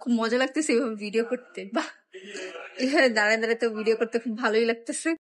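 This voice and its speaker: A young woman films a travel vlog on a phone held at arm's length inside an indoor glass skywalk with moving walkways. She talks rapid-fire in a slightly high voice, chatty and wry, joking at her own expense about being lazy.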